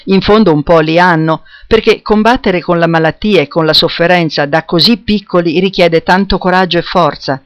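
A reader voicing a cheerful, eccentric middle-aged woman who drives a taxi, talking in a bright, chatty way. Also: mid-range voice, moderate pace, hardly any pauses, no room sound, natural voice. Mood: warm.

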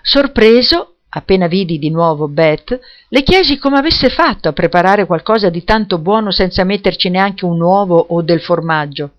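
A woman narrating a story in a clear, measured reading style. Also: fairly low pitch, expressive, highs cut off.

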